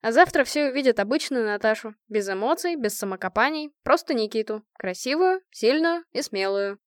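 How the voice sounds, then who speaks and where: A woman voicing a calm young man who speaks softly and soothingly. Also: on the high side, moderate pace, no room sound, studio quality, lightly acted. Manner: soft and soothing.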